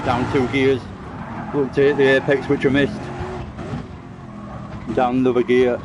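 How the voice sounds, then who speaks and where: A man's voice: mid-range voice, flat delivery, unhurried, background noise. A man casually commenting on his own sim racing laps on a live stream, chatty and self-deprecating, a little out of breath. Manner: chatty, self-deprecating, explains driving technique.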